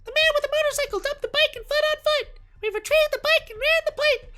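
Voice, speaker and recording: A man voicing an old police commander as a squeaky, cute anime girl in falsetto, reading out game dialogue. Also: quick pace, bright, forceful tone. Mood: urgent, commanding. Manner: cute anime-girl streamer voice, barking orders over radio.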